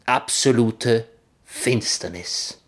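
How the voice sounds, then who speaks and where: A man reading a children's adventure story aloud in first person, with expressive, playful delivery. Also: medium pitch, drawn-out words. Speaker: narrator.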